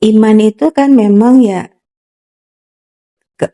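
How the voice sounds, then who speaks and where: Mellow-voiced woman psychologist explaining. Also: on the high side, slow pace. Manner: explanatory, voices imagined remarks, frequent fillers. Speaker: psychologist guest. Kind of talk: casual podcast conversation.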